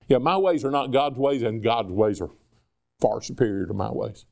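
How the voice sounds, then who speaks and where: A man preaching a sermon in a conversational, animated way, asking the congregation rhetorical questions. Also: medium pitch, unhurried, vocal fry.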